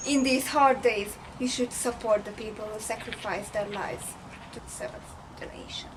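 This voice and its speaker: A woman's voice: mid-range voice, steady tone, normal speed, recorded from a distance, lightly acted. A woman playing a pompous, self-righteous politician in a parody news interview. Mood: indignant. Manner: pompous, declaiming. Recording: noisy amateur location recording.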